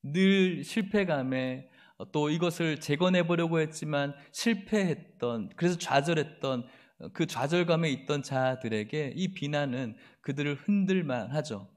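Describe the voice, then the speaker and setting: A male pastor delivers a Sunday sermon in a slightly higher-than-average voice. He reads scripture slowly, then presses the congregation with rhetorical questions. He slips into a sharper, higher tone to act out the mockery of opponents. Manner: voices mocking taunts of the enemies in a sharper, higher tone.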